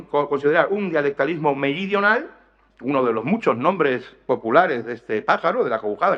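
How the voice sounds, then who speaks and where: A man giving an academic lecture to an audience, explaining carefully, correcting himself and asking rhetorical questions. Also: mid-range voice. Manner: explanatory, with restarts and apologetic self-corrections. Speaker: conference lecturer. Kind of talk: academic lecture on dialect words. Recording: dull, lo-fi lecture recording.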